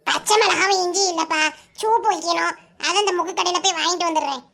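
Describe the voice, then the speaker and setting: Woman doing a gravelly nagging village mother. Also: very high-pitched, quick pace, pushed and bright, heavily acted. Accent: Kanyakumari Tamil. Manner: scolding, nagging. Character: fussy protective village mother, older.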